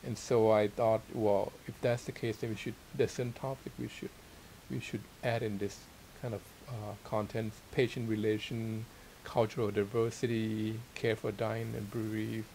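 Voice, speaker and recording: Speaking at normal speed, a middle-aged Thai man who teaches theology and writes books answers questions in a casual sit-down interview, his low-ish voice gravelly and creaky. He comes across as modest and hesitant, feeling his way toward each word. The rough recording, made in a small library room with armchairs, has a steady hiss and room noise.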